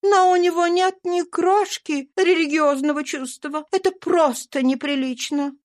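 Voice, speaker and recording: A woman voicing a prim, peevish society mother who scolds in a slow, drawn-out way, in a storybook reading. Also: high-pitched, fairly even intonation, pitched above the performer's own voice. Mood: indignant.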